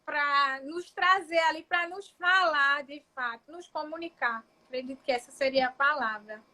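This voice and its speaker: On a video call, a woman with a very high, bright voice hosts a relaxed live chat. A child psychologist and live-stream host, she speaks at normal speed in a reflective, searching manner, often restarting thoughts and checking in with her listener.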